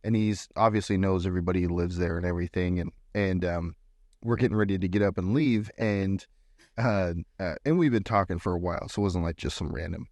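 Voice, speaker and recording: A man's voice: low-pitched, a little fast, a little mellow, dry recording. A man co-hosting a podcast, chatting casually and telling an easygoing story. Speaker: podcast co-host. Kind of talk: casual chat.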